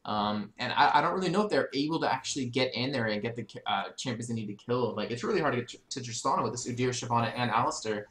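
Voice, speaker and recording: An esports co-caster gives excitable color commentary on a video game match, jumping in quickly and often apologizing for interrupting. His voice is medium-pitched and the sound is reverberant.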